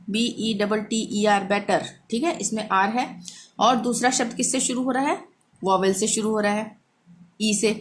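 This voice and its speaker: A woman teaching a language lesson, explaining pronunciation rules patiently and repeating each example slowly. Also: a little high, a little hiss or hum.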